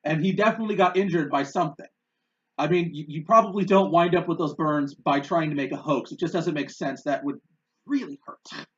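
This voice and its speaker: A man's voice: fairly high pitch, brisk, lo-fi sound. A man co-hosting a podcast, telling a story in a loose, rambling way with frequent laughs. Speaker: podcast co-host. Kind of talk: casual chat.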